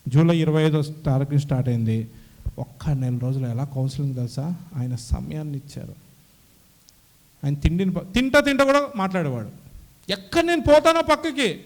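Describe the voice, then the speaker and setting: A man's voice: a little high, animated, normal speed. A young man giving an emotional church testimony, acting out the dialogue he recalls. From Kadapa, Andhra Pradesh. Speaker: testimony giver.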